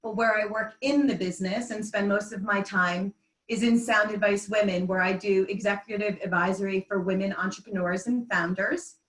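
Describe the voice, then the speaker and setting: A woman in her forties introducing herself on a panel in an orderly, listing way, with frequent pauses and fillers. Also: mid-range voice, steady tone, fairly bright tone. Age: 40s. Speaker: panelist, consultant. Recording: roomy, distant laptop mic.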